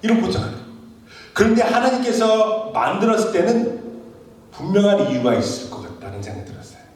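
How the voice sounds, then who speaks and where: A man preaching a sermon as a junior pastor, telling stories and asking his listeners questions. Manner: storytelling with rhetorical questions, animated swings of pitch. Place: church basement hall. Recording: echoey church hall, mic far off.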